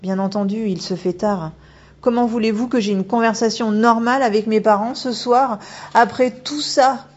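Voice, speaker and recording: A woman voicing a panicky, excitable young schoolgirl in an audiobook, shrill and exclaiming. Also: moderate pace, highs cut off, lightly acted. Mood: flustered. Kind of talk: audiobook character voice.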